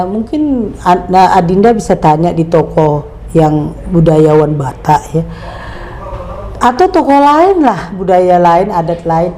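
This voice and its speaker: A middle-aged Indonesian woman, appearing as a guest in a conversational interview, speaks with a mellow, medium-pitched voice. She makes her points emphatically, using rhetorical questions.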